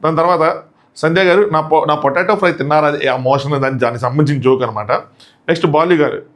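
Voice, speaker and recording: A man hosting a casual comic review, mocking and excitable with slangy asides. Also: a little high, quick pace. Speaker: show reviewer and host.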